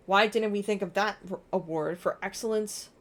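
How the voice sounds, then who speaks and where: A woman's voice: medium pitch, normal speed. A woman casually playing through a game, reading its text aloud and dropping in offhand asides. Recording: clear background noise.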